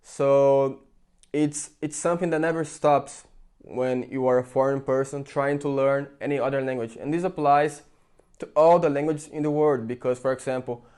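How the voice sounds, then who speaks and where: Speaking English with a Brazilian Portuguese accent, this man from Brazil has a clear, resonant, mid-range voice that's a little mellow, with fairly even intonation and a moderate pace. As a vlogger based in England, he rambles chattily through an opinion vlog, full of fillers and restarts.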